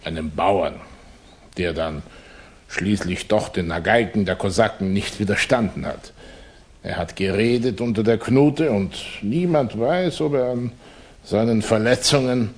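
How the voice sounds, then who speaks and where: A man voices a crafty Russian émigré revolutionary in a German radio play, sounding suave and probing, with a flattering, condescending, florid, oily courtesy. His voice is lowish, a little slow, and slightly rough.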